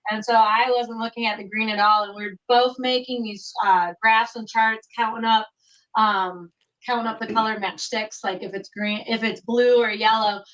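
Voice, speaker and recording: A woman's voice: on the high side, steady tone, normal speed, fairly bright tone, distant mic. A guest on a woman over a muffled video call. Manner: thinking aloud in long run-on explanations. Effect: heard over a video call. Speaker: guest puzzle solver. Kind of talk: casual interview answers.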